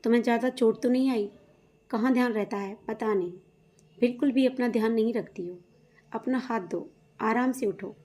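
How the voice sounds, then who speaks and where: A woman reading a calm, caring husband. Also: fairly high pitch, normal speed, close to an everyday voice. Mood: concerned. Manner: gently scolding, concerned.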